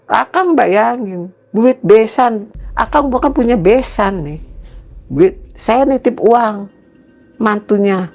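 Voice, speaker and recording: A man's voice: sits high, lively intonation, gravelly. Earnest Indonesian man telling his story. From Cirebon, West Java, Indonesia. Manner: earnest, emphatic, rises sharply when indignant; halting, restarts and repeated words. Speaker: guest telling his own experience. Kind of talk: casual storytelling interview.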